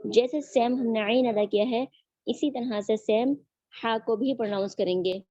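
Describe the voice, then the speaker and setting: A woman teaching Quran recitation in an online lesson, drilling each sound slowly and patiently. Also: a little high, dark tone, no room sound, highs cut off.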